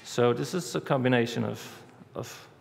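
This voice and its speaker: A man giving a conference talk, walking through a live demo step by step in a halting way, recorded in a large hall. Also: mid-range voice, vocal fry, a little mellow. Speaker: conference speaker. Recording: reverberant hall, faint background noise.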